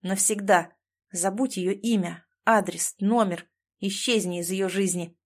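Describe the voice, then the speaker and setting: A woman voicing a calm, tough rescue worker in an audiobook, speaking level and firm. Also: medium pitch, a little slow, close to an everyday voice. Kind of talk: audiobook character reading.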